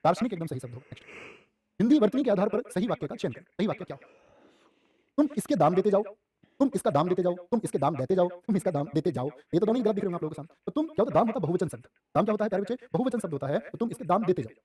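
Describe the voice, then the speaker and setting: A male teacher leading a live online exam-prep class, quizzing students with quick repeated questions and addressing them as dear children. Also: high-pitched, expressive, warm tone, recorded from a distance.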